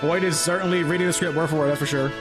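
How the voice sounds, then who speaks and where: A man's voice: a little high, fairly even intonation, racing, over music. A man doing casual, goofy live commentary while streaming a video game. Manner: goofy, joking, breaks into silly voices.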